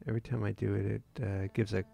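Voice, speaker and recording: A man's voice: on the low side, flat delivery, fast talker, creaky, dark tone, breathy edge. A man hosting a live photo editing tutorial, talking casually with many fillers and restarts.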